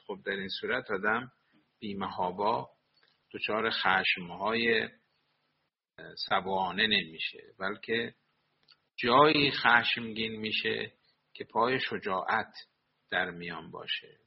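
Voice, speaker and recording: Man, religious lecture, explains quoted sayings, raspy voice, muffled recording. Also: fairly low pitch. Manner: explains quoted Arabic sayings line by line in Persian. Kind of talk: sermon. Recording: dull lo-fi recording.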